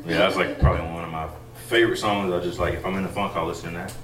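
A man's voice: deep voice, steady tone, very fast. A young man, a saxophonist guest, chatting casually and telling a story, with lots of fillers along the way. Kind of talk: casual interview chat. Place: theater loft, live session. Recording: echoey room, mic far off.

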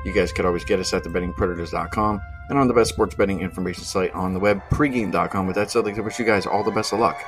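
A man's voice: sits low, steady tone, very fast, few pauses, music in the background. A man hosting a casual sports betting podcast, rambling with many fillers and restarts. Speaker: podcast host.

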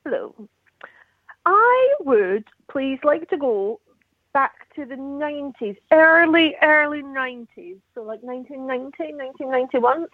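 A woman's voice: sits high, animated, unhurried, no room sound. Give me a woman caller over a tinny phone line. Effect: heard over the phone. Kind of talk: casual call-in chat.

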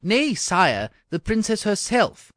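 A man's voice: high voice, slow, dry recording, studio quality, pitched above the performer's own voice, full character voice. A man voicing an eager old male court chamberlain, putting on a stumbling Scottish accent. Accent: put-on Scottish. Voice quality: excited, stumbling over words.

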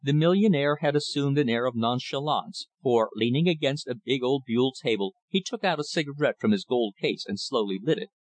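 A man reading an audiobook in measured, earnest first-person narration. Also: medium pitch. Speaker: audiobook reader.

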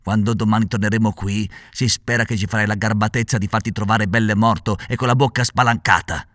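A man's voice: on the low side, steady tone, brisk, fairly bright tone, no room sound, studio quality, close to an everyday voice. A man voicing cruel male assassins with threatening, sneering lines. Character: two menacing grown male assassins, cruel.

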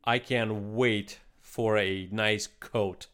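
Smooth-voiced man. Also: on the low side, drawn-out words. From Russia. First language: Russian. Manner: relaxed, joking, dry humor. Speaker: podcast co-host. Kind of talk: casual chat.

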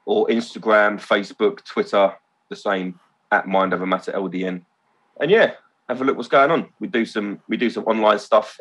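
A man telling stories as a podcast guest, excitable and loose, swearing casually. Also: fairly low pitch, slightly rough. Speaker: podcast guest, event organiser. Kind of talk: casual chat.

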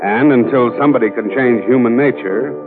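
An actor playing a heavyset, hard-boiled male detective who narrates in a steady, dry first-person way, in 1940s radio acting. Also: mid-range voice, fairly quick, lightly acted. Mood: measured. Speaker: narrator and lead. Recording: tinny old radio broadcast with music.

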